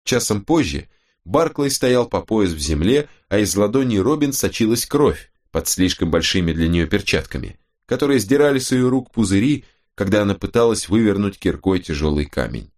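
Deep-voiced male audiobook narrator. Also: sing-song, moderate pace, darkish tone.

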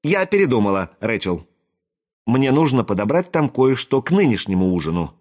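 A man's voice: mid-range voice, very animated, moderate pace, darkish tone, voice pushed up. A man reading an audiobook aloud, voicing a bossy young princess with a raised, commanding voice. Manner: commanding, brooks no objection.

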